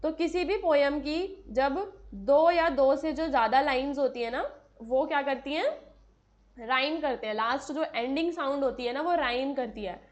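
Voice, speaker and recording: A woman with an Indian accent teaching an exam-prep lesson, explaining in Hindi mixed with English, asking her students questions and answering them herself. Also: high voice. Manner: explains in Hindi, mixing in English, reads English passages slowly.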